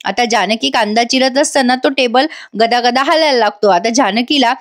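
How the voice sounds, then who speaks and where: A TV serial reviewer narrates a chatty voice-over recap, speaking directly to her viewers. Her voice sits a little high and moves at a moderate pace.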